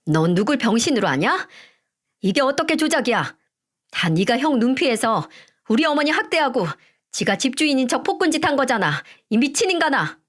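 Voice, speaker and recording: A woman voicing a furious, betrayed middle-aged husband who shouts accusations. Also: high voice, sing-song, normal speed, voice pushed up.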